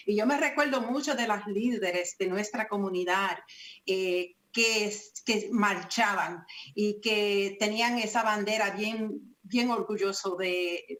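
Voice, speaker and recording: Earnest Connecticut-raised woman guest. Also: mid-range voice. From Connecticut, USA. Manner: earnest, halting with repeated words. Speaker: guest, founder of a nonprofit. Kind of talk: radio interview.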